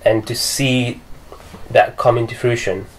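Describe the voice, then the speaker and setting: A man's voice: mid-range voice, fairly even intonation, a little slow, rough recording. A young man hosting a podcast, asking a guest questions attentively in a living room and backing him up with frequent murmurs. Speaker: podcast host. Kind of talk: interview questions. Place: living room with leather sofas.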